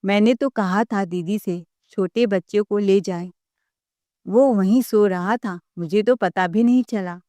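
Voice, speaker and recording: A woman voicing a put-upon newly married young wife who speaks with quiet restraint. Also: medium pitch, measured pace, dry recording, close to an everyday voice. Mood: defensive.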